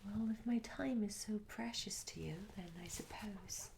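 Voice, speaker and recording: Her mid-range voice unhurried and measured, a woman acts as a charming young tavern maid for a fantasy ASMR roleplay, breathing out polite, coy half-whispers full of curiosity. Her wording is gentle and old-fashioned, like a storybook, and the close ASMR microphone picks up clear noise and tiny clicks.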